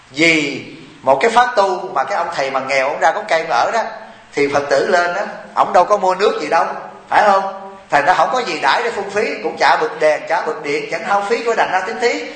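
A man's voice: on the high side, fairly bright tone, roomy sound. A man, a Buddhist monk and abbot giving a humorous dharma talk to lay followers and often asking them "right?".

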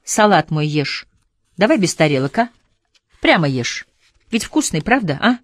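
A woman reading an audiobook voices a young wife who turns sharp and tearful, in quick, emotional dialogue. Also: fairly low pitch, sing-song, dry recording, studio quality. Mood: tender.

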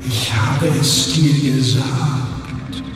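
A man's voice: mid-range voice, extremely slow, music in the background, pitched above the performer's own voice. A man voicing a ghostly woman appearing in a mirror, her voice distant and echoing. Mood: pleading.

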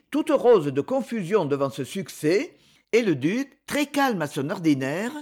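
A woman narrating a classic novel for an audiobook, measured and expressive. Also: on the low side.

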